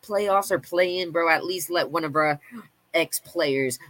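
A man's voice: on the high side, a little slow, a bit bright. A young man co-hosting a sports podcast, chatting casually over a live game in hyped frat-bro slang.

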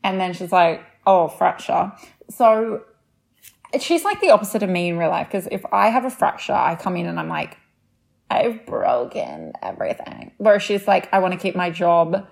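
A woman's voice: fairly low pitch, animated, moderate pace, gravelly. A woman co-hosting a podcast, chatting in a rambling way, with restarts and trailing sentences. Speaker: podcast co-host. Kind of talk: casual recap chat.

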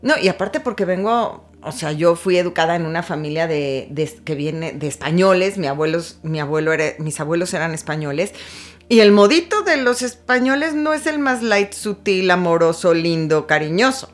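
A woman's voice: on the low side, moderate pace. A middle-aged woman, chatting casually and acting out quotes as she tells stories. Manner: animated storytelling, acts out quotes. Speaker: guest. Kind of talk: casual chat.

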